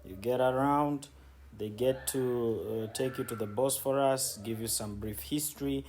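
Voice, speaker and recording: A mid-range male voice, slightly mellow and at a measured pace, offers casual, conversational travel commentary while guiding viewers around, often repeating words for emphasis. He's a travel vlogger and city guide walking outdoors on city streets. Background noise and outdoor street ambience fill the recording.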